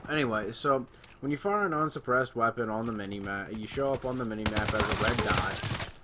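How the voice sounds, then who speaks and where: Rambling gaming YouTuber over gunfire. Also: male voice, mid-range voice, a little fast, noisy background. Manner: rambling, filler-heavy, loud at times. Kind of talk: casual gameplay commentary. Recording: gameplay gunfire and callouts behind. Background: game sounds and gunfire.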